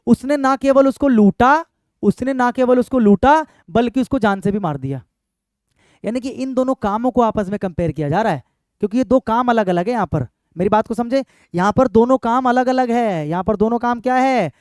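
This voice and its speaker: A man teaches grammar in a high, smooth, resonant voice. The sound is close and dry, with no room around it. He keeps asking his students questions and reads each example sentence out slowly. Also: lively intonation, a little mellow, dry recording. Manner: repeats points and quizzes students with questions. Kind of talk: exam-prep grammar lesson.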